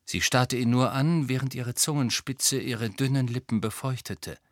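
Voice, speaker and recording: A man narrating an audiobook in a measured, even storytelling voice. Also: medium pitch, no room sound, studio quality. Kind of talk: scripted narration.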